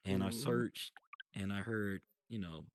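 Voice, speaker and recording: This lowish, slightly slow male voice comes with a bit of hiss or hum. He's a guest in a voice chat, casually rambling through a long story about his virtual world, full of restarts and fillers.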